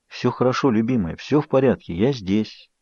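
Edward, a man doing a soft protective lover. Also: mid-range voice, lively intonation, moderate pace, dry recording, lightly acted. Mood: soothing. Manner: soft, hushed. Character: tender, protective young man, gentle and worried. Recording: dull, dry studio audio.

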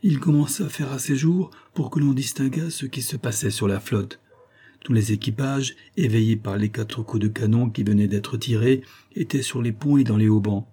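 A man narrating a classic adventure novel as an audiobook, in an even storytelling manner. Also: mid-range voice, normal speed, breathy edge.

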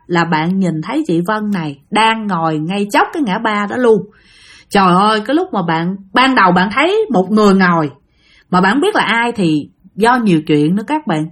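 A woman telling a ghost story in a chatty way, talking straight to her listeners. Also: medium pitch. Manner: chatty, addresses listeners directly.

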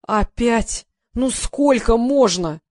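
A woman's voice: on the high side, lively intonation, takes it slowly, darkish tone, dry recording. A woman reading the lines of a tired, famous male performer in an audiobook. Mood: weary. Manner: tired and dry.

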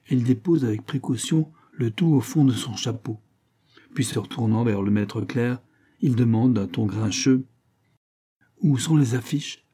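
Husky, dark-toned male audiobook narrator. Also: medium pitch. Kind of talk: literary audiobook reading.

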